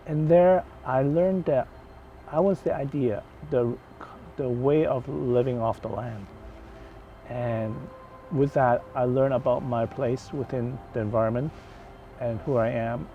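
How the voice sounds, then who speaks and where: An older man from Hong Kong, a financial advisor giving an interview in the woods, thoughtful and halting, often restarting his phrases. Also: medium pitch. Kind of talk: outdoor interview chat. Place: outdoors in the woods. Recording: dull lo-fi outdoor audio, faint noise.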